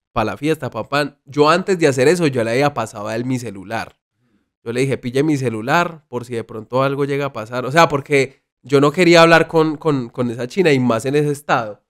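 Animated young man storyteller. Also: mid-range voice, fairly quick. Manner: animated, acts out quoted lines. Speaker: podcast co-host. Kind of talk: casual storytelling among friends.

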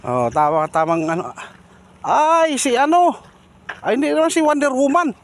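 A man's voice: very high voice, big pitch swings, normal speed. A man chatting casually as a vlogger on a trip, directing people to pose for photos. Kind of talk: casual travel vlog.

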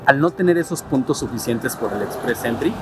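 A vlogger from Mexico walks through suburban streets and a transit station, holding a handheld camera at arm's length as he explains immigration. His medium-pitched voice runs a little fast, steady and explanatory, with music playing underneath.

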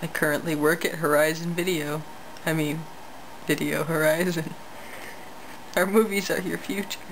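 A young woman in her twenties playing a deadpan odd man, answering interview questions in a flat voice into a close webcam in a small bedroom. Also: low voice, normal speed, a little hiss or hum, poor audio. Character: deadpan odd man called Edgar Vargas. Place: small cluttered bedroom, indoors. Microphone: webcam at close range.

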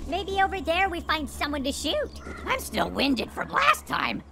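A woman's voice: extremely high pitch, big pitch swings, measured pace, vocal fry, very noisy, full character voice. A woman voicing a small, cowardly alien grunt soldier who grumbles nervously in comic game voice lines. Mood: grumbling. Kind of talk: video game unit voice lines. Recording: loud game music behind.

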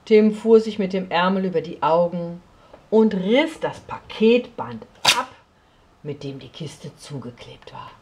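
A woman reading a children's story aloud, slow and expressive, often sinking to a soft near whisper. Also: fairly low pitch, heavy background noise.

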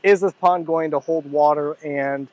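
A man's voice: a little high, steady tone, measured pace, highs cut off. A young man from Oklahoma explaining a pond renovation on site, earnest and explanatory, sometimes repeating words as he thinks. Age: young adult. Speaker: pond builder. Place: outdoor construction site by a pond, heavy machinery nearby. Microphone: handheld phone camera at arm's length. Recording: outdoor recording with clear machinery noise.

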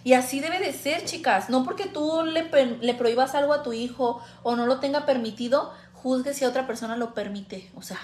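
A woman's voice: high-pitched, normal speed, hardly any pauses, a little mellow. A young woman with a Mexican accent, a mother and vlogger, chatting casually and frankly with her viewers, using slang and swearing freely. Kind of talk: casual livestream chat. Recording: echoey room, faint background noise.

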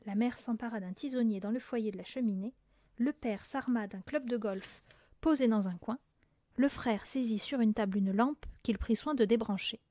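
Brief: woman audiobook narrator, expressive, a bit high, dry close mic. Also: moderate pace, no room sound. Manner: lively, expressive reading. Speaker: audiobook reader. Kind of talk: storybook narration.

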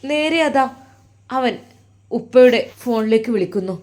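A woman's voice: on the high side, lively intonation, measured pace, darkish tone. A woman storyteller narrating a dramatic family story with emphatic delivery.

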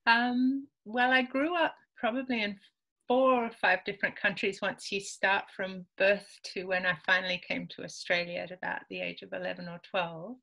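In a low-quality webcam recording, a Peruvian woman in her forties, Spanish by native tongue, talks as an author guest in a laid-back interview from a home room with bookshelves. Her medium-pitched voice is flat, pushed and bright, with vocal fry and a moderate pace, and she ums often and laughs freely.

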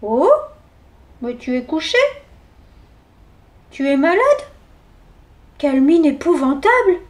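A woman voicing an excitable young girl in a read-aloud storybook, shrill and quick to exclaim. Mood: chirpy.

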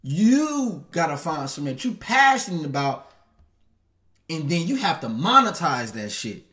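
A man's voice: on the high side, very animated, moderate pace, sharp tone. A man hosting a casual livestream and reading viewer messages, talking in blunt, profane street slang. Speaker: channel host.

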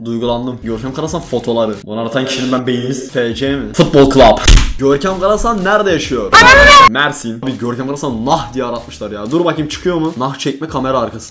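Young male YouTuber, mid-pitched, quick-talking, joking and casually profane, music bed. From Turkey. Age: young adult. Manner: fast, joking, swears casually. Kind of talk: reaction vlog.

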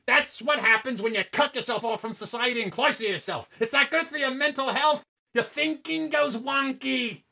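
A man's voice: very high voice, moderate pace, creaky, sharp tone, a little hiss or hum, heavily acted. A man playing an indignant, sarcastic senior monk scolding an underling in a comic audio drama. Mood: stern. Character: exasperated, scolding senior monk, male boss.

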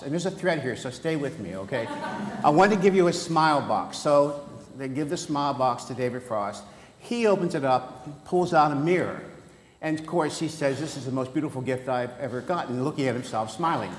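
A man speaking on stage at a conference as interviewer, telling jokes and loose stories. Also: medium pitch. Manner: joking, anecdotal, loose. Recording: echoey hall, noisy.

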